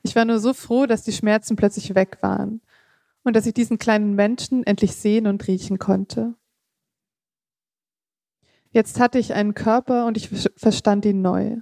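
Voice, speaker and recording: A woman reading her own literary prose aloud in a measured way, with the odd slip and casual aside. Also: medium pitch, steady tone, creaky, warm tone, no room sound, studio quality.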